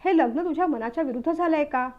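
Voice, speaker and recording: A woman reading the part of a young newlywed husband who is short-tempered but caring, snapping when irritated and going soft when he apologizes. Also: high-pitched, fast, muffled recording, natural voice. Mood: gentle, apologetic.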